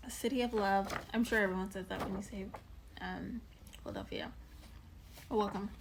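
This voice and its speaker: On a casual livestream, a young waxing specialist explains a skincare tracker while chewing candy, greeting viewers by name in a loose, rambling way packed with ums and likes. She speaks fairly quickly in a steady, mid-range voice with vocal fry, over background noise.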